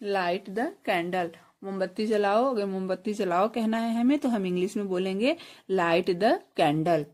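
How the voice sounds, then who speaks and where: A woman teaching a basic English lesson, spelling words letter by letter, repeating phrases slowly, and asking and answering her own questions. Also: mid-range voice, a little mellow.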